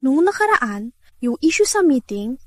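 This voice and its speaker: A chatty young female reporter, dubbed by a woman. Her voice sits high and light, and she talks in an easy, friendly way. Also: sing-song, normal speed, darkish tone, no echo, studio quality. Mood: gossipy. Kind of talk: dubbed drama acting.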